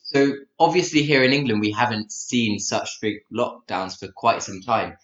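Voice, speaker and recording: A man's voice: on the low side, lively intonation, moderate pace, a bit bright. A man introducing a news item and putting prepared questions as a radio interviewer. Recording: echoey, slightly dull audio.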